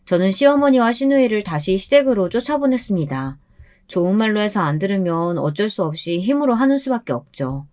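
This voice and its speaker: A woman's voice: medium pitch, fairly quick. Woman narrating a story, indignant tone. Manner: indignant, expressive reading. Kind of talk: scripted first-person storytelling.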